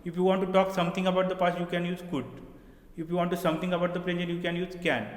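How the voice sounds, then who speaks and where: A man's voice: high-pitched, monotone, quick pace. Male lecturer in echoey hall. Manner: explanatory, repeats key terms, checks understanding with the listener. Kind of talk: classroom lecture. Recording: echoey room with long reverb.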